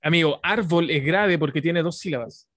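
A man's voice: on the high side, normal speed, fairly bright tone, no room sound. A Chilean man co-hosting a podcast, joking and teasing his partner and reading definitions aloud. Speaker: podcast co-host. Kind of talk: casual podcast banter.

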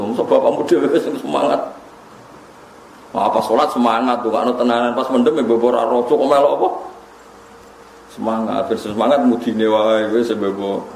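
A man's voice: lowish voice, creaky. Javanese guy preaching, chatty storytelling, arabic bits, echoey room with faint hum. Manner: lively storytelling with Arabic recitation and laughter. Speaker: Islamic preacher. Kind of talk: sermon to a gathering.

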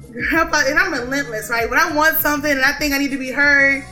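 A woman telling a story in casual chat, animated, laughing often, with lots of "like". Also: sits high, fairly quick. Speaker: podcast co-host. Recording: roomy echo, faint music behind.

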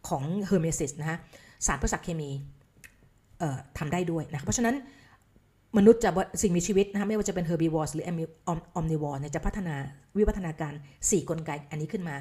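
A woman's voice: low-pitched, normal speed, warm tone. A woman giving a casual spoken lecture on health science. She explains in a chatty way, drops English science terms into her talk and checks in with her listeners. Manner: asks listeners rhetorical checks. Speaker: health educator.

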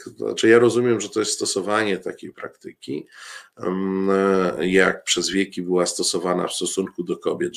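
A man talks slowly to his audience in a deep, gravelly voice. He pauses often, restarts phrases and fills gaps with hesitation sounds. He keeps a dry, ironic tone as he comments on current affairs. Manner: halting, many filler sounds and restarts; ironic, addresses the audience directly. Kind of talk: political commentary show.

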